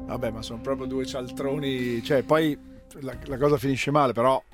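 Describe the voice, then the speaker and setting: A male co-host chatting casually, adding quick, agreeable remarks. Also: mid-range voice, steady tone, over music. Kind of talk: casual chat.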